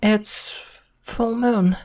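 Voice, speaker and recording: A woman's steady, slightly mellow voice at medium pitch portrays a polite, protective and secretive young werewolf for an ASMR roleplay. She speaks with measured hesitation in a matter-of-fact way and sounds concerned and mildly reproving.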